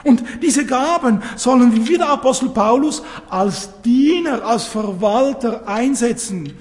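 A man preaching a sermon, emphatic, asking rhetorical questions and dropping low and quiet for solemn points. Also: animated, measured pace, long reverb tail.

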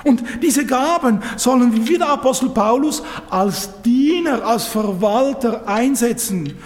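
High-voiced preacher in a reverberant hall. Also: male voice, expressive, unhurried. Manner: emphatic, rising and dropping sharply for effect. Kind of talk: sermon.

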